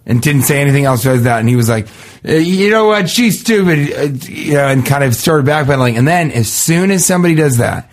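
A man's voice: medium pitch, fast talker, few pauses. A man telling a story in casual chat, acting out the people he quotes. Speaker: podcast co-host.

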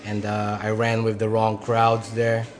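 A man's voice: on the low side, monotone, a little slow, faint music behind. A man who grew up in Singapore talks hesitantly about his lyrics in a casual interview. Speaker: band lyricist.

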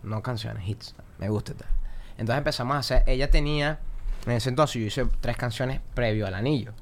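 A young adult man with a Venezuelan Spanish accent, a singer-songwriter telling animated, slang-filled anecdotes on a casual podcast. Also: medium pitch, a little fast.

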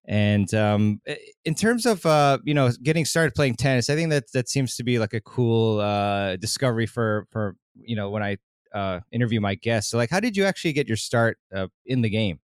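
A man's voice: mid-range voice, lively intonation, normal speed, clean tone, dry recording, clean studio sound. A male podcast host asking casual, hesitant questions with many fillers. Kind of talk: podcast interview.

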